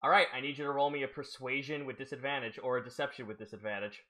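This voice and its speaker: A man narrating a tabletop role-playing game as game master, halting and restarting as he explains the rules. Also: mid-range voice, fairly even intonation, sharp tone.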